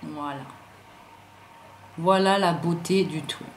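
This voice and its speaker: A woman doing a casual makeup haul video, talking in slangy, excitable bursts and swearing freely as she tests colours and trips over English names. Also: deep voice, slow pace. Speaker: beauty vlogger. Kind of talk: casual haul review with swatches. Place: sunny room at home. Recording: roomy echo, faint background hiss.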